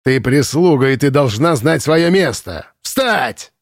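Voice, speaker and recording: A man's voice: big pitch swings, extremely slow, gravelly, dry recording, clean studio sound, full character voice. A man doing a shrieking drunken camp commandant. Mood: raging. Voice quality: shrill, furious shouting. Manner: ranting, unhinged, bullying. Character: drunk, raging male Nazi camp commandant. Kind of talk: audiobook character reading.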